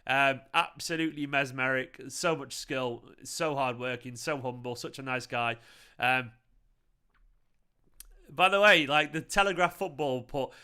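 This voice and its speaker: Excitable Mancunian man, bright and clear. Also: mid-range voice, measured pace. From Manchester, England. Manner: excitable, sweary, chatty with viewers. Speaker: football fan channel host. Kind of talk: live post-match reaction stream reading chat.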